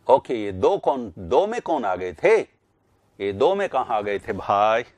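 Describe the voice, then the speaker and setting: A man's voice: mid-range voice, big pitch swings, slow, darkish tone, no room sound. A man teaching a live online exam-prep class, reading out students' names and drilling pronunciation aloud.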